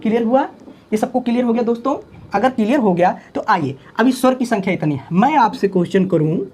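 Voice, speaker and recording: A man's voice: high-pitched, brisk, darkish tone, slight background noise. A male teacher giving an exam-prep lesson, repeating questions, answering them himself and reciting letters aloud one by one.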